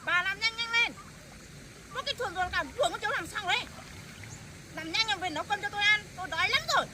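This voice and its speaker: A woman playing a shrill, nagging young bride barking orders. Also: quick pace. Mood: scolding. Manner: harsh, scolding, impatient commands. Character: cruel bossy young daughter-in-law, shouting orders. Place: outdoors in a rural field. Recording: noisy outdoor field recording.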